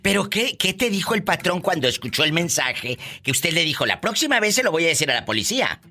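Woman, radio host, eager reactions, bright tone, very lively pitch. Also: fast. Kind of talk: radio call-in chat.

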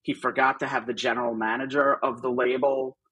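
A middle-aged artist manager, appearing as a podcast guest, tells stories about his career in a chatty, rambling interview full of asides and fillers. His medium-pitched voice is level, brisk, sharp, and slightly rough, and the audio quality is poor.

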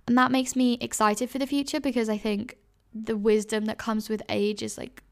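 A woman's voice: fairly high pitch, little pitch movement, normal speed. A woman in her twenties hosting a podcast, giving casual advice in a chatty way, full of fillers and self-corrections. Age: 20s. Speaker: podcast host.

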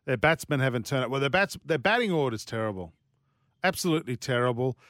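A man's voice: medium pitch, expressive, fast, a bit bright, dry recording, studio quality. An Australian man hosting casual sports radio, emphatic and given to repeating himself. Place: dry radio studio.

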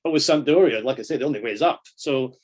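Quick and husky, with a medium pitch and a darkish tone, a middle-aged Scotsman talks football as a podcast guest. His manner is casual and self-deprecating, and he doesn't hold back on the swearing.

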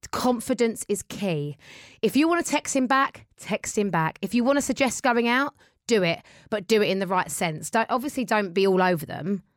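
Woman, Essex accent, podcast host, casual chat, emphatic and confident, mid-pitched, dry close sound. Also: expressive, normal speed, no echo. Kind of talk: casual chatty dating discussion.

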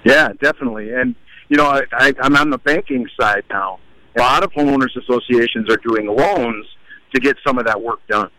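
A man's voice: mid-range voice, animated, brisk, vocal fry, bright, forceful tone, no echo, low-quality recording. A man calling in over the phone to a talk show, chatting casually and freely with fillers. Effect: heard over the phone. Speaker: caller. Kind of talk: call-in chat.

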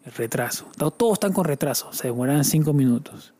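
A man's voice: on the high side, animated, brisk, mellow, breathy edge. A man co-hosting a podcast in casual chat, telling travel stories with animation and playfully mimicking foreign words. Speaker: podcast co-host.

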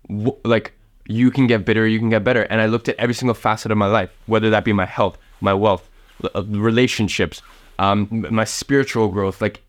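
A young man in his late teens from the south of Russia, giving casual motivational advice to camera, rambling and swearing often. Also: lowish voice. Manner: rambling, swears often, heavy use of fillers. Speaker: vlogger giving life advice.

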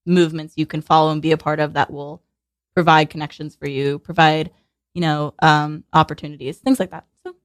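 A woman in her twenties chatting as a guest in a radio studio interview, sarcastic and quick to laugh, with lots of "like" fillers. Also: sits low, little pitch movement, no room sound. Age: 20s. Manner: chatty and sarcastic, laughs often, heavy use of "like". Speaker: guest musician. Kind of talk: casual interview chat. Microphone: studio mic.

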